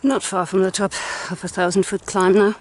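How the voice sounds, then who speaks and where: A woman's voice: mid-range voice, flat delivery, brisk, a little hiss or hum. A woman with a Liverpool accent, out of breath, chatting through a casual hiking vlog outdoors on a trail, explaining as she walks. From England. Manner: chatty, explanatory, laughs easily. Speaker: long-distance hiker and vlogger.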